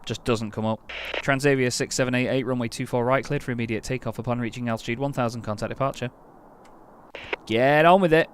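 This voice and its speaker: With a mid-range voice and a slightly fast delivery, a man chats casually through an air traffic control game. He reads out call signs in radio calls and becomes exasperated when commands fail.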